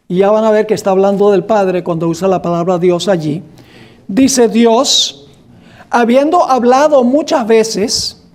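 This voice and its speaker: Slow, deliberate male preacher. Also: very high-pitched, darkish tone. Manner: slow and deliberate, quizzing the congregation; reads scripture aloud with emphasis. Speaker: pastor. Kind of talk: Bible study sermon.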